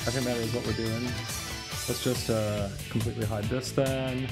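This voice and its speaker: A mid-range, flat delivery at moderate pace marks this man livestreaming a visual novel. Background music plays while he casually thinks aloud and troubleshoots, peppering his talk with slang and mild swearing.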